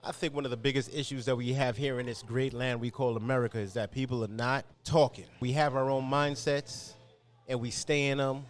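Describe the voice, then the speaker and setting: A man from Costa Rica and New York hosting a podcast, talking loud and hyped with street slang in a casual interview. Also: mid-range voice, steady tone, brisk. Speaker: podcast host.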